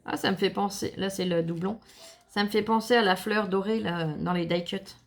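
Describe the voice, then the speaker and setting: A woman vlogger chatting casually to viewers while opening a scrapbooking parcel, gushing and enthusiastic with a slightly gravelly voice. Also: medium pitch, fairly even intonation, moderate pace. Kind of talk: casual unboxing chat to viewers.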